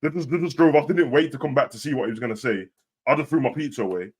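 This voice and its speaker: A man's voice: mid-range voice, rapid-fire, slightly rough. A young man with a British urban street accent and roadman slang, telling stories casually and acting out what people said. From Birmingham, England. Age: young adult. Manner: roadman slang, animated retelling with quoted dialogue.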